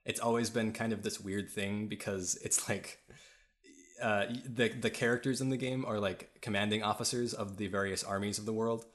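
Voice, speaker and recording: A man's voice: on the low side, fairly even intonation, moderate pace, fairly bright tone. A man co-hosting a casual podcast chat, rambling with lots of fillers and frequent laughs, recorded on a podcast mic. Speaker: podcast co-host.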